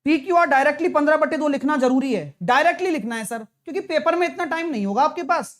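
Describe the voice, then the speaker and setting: A male math teacher talking a live online exam-prep class through problems, brisk and coaxing, calling viewers brother and dear. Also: very high-pitched, animated, a bit bright. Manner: brisk, coaxing, chatty, mixes English terms, calls viewers brother and dear.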